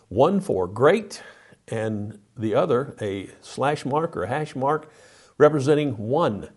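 A man's voice: medium pitch, a little mellow, breathy edge. A man teaching a Bible study lesson, walking through slides step by step and reading scripture aloud with emphasis.

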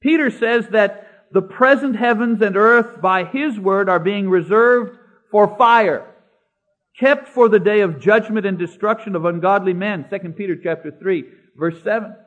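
A man preaching a sermon, slowing down to stress key words and citing scripture by chapter and verse. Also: high voice, a bit bright. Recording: dull lo-fi recording.

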